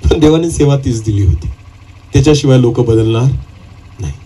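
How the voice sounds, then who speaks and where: A man's voice: medium pitch, fairly quick, mellow, slightly rough, poor audio. A man preaching a sermon as pastor, his voice climbing in urgent bursts and punctuated by calls of hallelujah.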